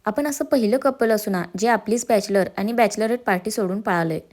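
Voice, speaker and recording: A woman's voice: medium pitch, brisk, darkish tone, close to an everyday voice. Teasing young groom, voiced by a woman storyteller, playful and jokey, storybook reading.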